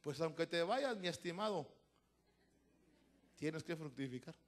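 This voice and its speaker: A man preaching a sermon as a pastor, swinging between loud shouted lines and hushed asides, with a Central American Spanish accent. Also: a little high, lively intonation, unhurried.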